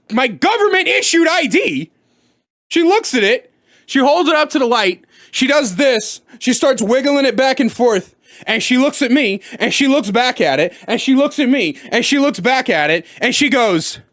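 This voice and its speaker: A man in his thirties telling a profane comic story to camera, animated and bursting into loud outbursts. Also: very high-pitched, normal speed. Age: 30s. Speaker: comedic storyteller. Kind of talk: profane comedic storytime rant.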